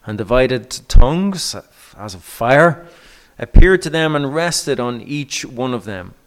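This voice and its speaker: A man as pastor, reading scripture and preaching with measured emphasis at a church service. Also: medium pitch, lively intonation.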